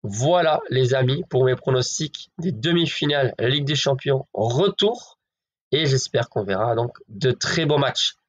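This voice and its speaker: Animated and medium-pitched, this man keeps a measured pace while giving casual football betting predictions. He speaks to his audience like friends, with lots of filler words softening his claims.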